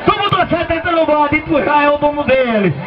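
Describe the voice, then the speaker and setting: Male livestock auctioneer, Northeastern Brazilian accent, very high shouted calls, goading showman, far from the mic, loud noisy crowd outdoors. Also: animated, fairly quick, highs cut off. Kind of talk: loud auction calling, urging bidders by name.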